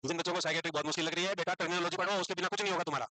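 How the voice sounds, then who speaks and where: A man teaching psychiatry to a class, brisk and scolding, calling his students "beta" and mixing English medical terms into his Hindi. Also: high voice, steady tone, bright, forceful tone, no echo. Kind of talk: classroom lecture.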